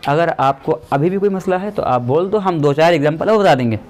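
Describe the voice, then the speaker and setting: A man's voice: fairly high pitch, lively intonation, fairly quick, a little mellow. A male teacher giving a classroom grammar lesson, explaining step by step and quizzing the class.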